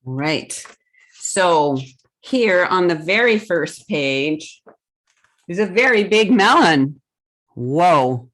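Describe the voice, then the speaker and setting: This children's storytime reader has a fairly low, fairly bright voice and reads animatedly, drawing out her words and pausing at length. Over a video call, she tells stories to young kids in simple, encouraging phrases.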